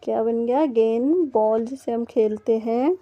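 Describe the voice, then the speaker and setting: A woman's voice: on the high side, steady tone, measured pace. A woman teaching a first-grade textbook lesson to young children, patiently sounding out words letter by letter. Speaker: primary school teacher. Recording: dull lo-fi recording.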